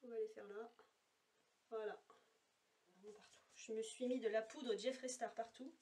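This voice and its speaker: At home, a beauty vlogger records a casual makeup swatch video, talking at a normal pace in a mellow, steady voice on the high side. She rambles with many fillers to a camera set away from her, without a monitor, and the mic catches her from a slight distance.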